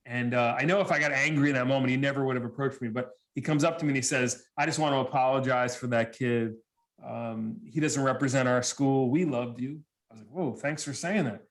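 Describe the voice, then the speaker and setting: Animated male speaker telling stories. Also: mid-range voice, fairly quick. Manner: animated storyteller, acts out quotes, laughs often. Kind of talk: storytelling presentation.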